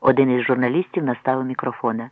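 A man's voice: steady tone, fast, dry recording. A man narrating a novel aloud, changing his voice for the characters' lines. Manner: voices characters by shifting pitch. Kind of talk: audiobook reading with acted dialogue. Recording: tinny phone-like sound.

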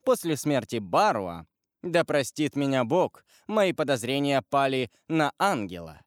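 A man's voice: medium pitch, very animated, measured pace, no echo, studio quality. A man doing a cold, stern royal prosecutor. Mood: coldly accusing. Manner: cold, commanding, accusing, contemptuous.

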